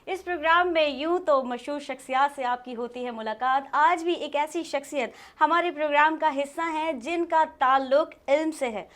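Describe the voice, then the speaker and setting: A woman's voice: high-pitched, moderate pace, few pauses, a bit bright. A woman hosting a comedy talk show, introducing the guest politely and then teasing and questioning him. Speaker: host.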